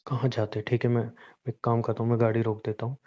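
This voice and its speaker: A man's voice: medium pitch, flat delivery, fast talker, muffled recording, lightly acted. A man playing a stressed young husband who insists and reassures, sometimes flustered, in a scripted audio drama. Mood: insistent. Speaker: husband in a phone-call drama.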